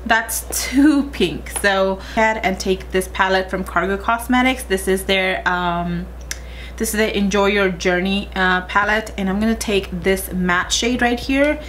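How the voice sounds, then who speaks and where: A woman's voice: mid-range voice, unhurried, a bit bright, a little hiss or hum. Chatty woman beauty vlogger. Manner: chatty, talks to viewers as "you guys", walks through each step. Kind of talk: casual makeup tutorial chat.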